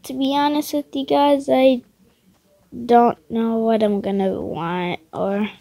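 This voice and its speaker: A woman's voice: on the high side, slow pace, gravelly. A woman giving casual, rambling commentary over her gameplay, her voice stuffy and congested from a cold. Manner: chatty, excitable, rambling slang. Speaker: gaming video creator.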